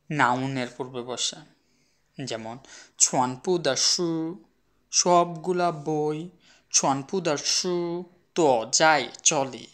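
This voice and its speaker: Male language teacher from Bangladesh, slow and patient, explains each word step by step, repeats the examples and asks his students questions. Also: mid-range voice, a bit bright. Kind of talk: spoken language lesson.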